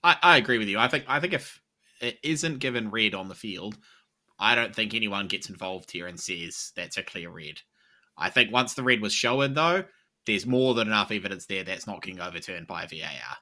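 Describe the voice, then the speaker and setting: A man co-hosting a football podcast, arguing in a measured, reasoned way and often repeating "I think". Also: on the low side, animated, bright, forceful tone. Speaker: podcast co-host. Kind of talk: casual sports podcast chat.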